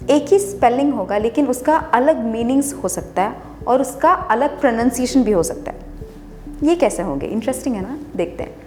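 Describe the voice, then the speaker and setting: Woman English tutor, higher voice, patient, spells words out slowly; long reverb, faint music under her. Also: a little mellow. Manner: patient, repeats each word slowly and spells it out. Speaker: English teacher. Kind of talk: explaining English words in Hindi.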